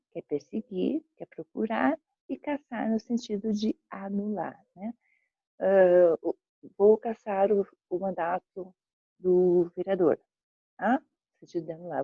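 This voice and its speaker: A woman's voice: mid-range voice, creaky, husky, no echo. A Brazilian woman teaching a school grammar lesson, patiently repeating examples and checking in with her students as she goes. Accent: Brazilian Portuguese. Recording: dull lo-fi recording.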